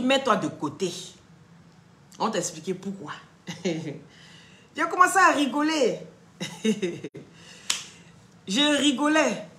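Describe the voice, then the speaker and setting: A young woman tells a story on a casual live stream, acting out both sides of the dialogue and repeatedly checking in with listeners. Her voice sits on the high side with a sharp tone, and the sound is roomy.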